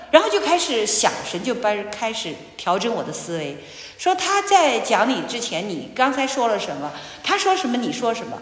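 A woman giving a personal testimony in church, telling her story with animated storytelling and acted-out dialogue. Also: on the high side. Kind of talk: sermon testimony. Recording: echoey hall.

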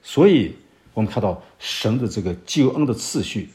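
Expressive and dark-toned, a man with a lowish voice preaches an expository Bible sermon. He goes verse by verse, raises rhetorical questions, and sometimes stalls with fillers while finding references.

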